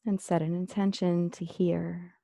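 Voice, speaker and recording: A woman guides a meditation in a lowish, mellow voice with soft edges and noticeable fry. Her delivery is flat and gentle, with long pauses between phrases. The recording is close and dry, with no room sound.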